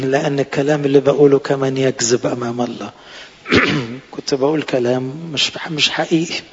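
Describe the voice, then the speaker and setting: A man's voice: medium pitch, fairly even intonation, fairly quick, husky. A man preaching a sermon with an Egyptian Arabic accent, earnest, pressing his listeners with rhetorical questions. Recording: reverberant hall, dull lo-fi sound.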